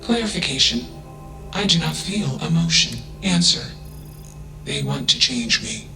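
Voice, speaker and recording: Juno, a man playing a flat emotionless AI. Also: a little high, unhurried. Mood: flat, robotic. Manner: flat emotionless delivery, each statement tagged with a label. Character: emotionless self-aware AI, curious and literal. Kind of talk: video game voice acting. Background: game music.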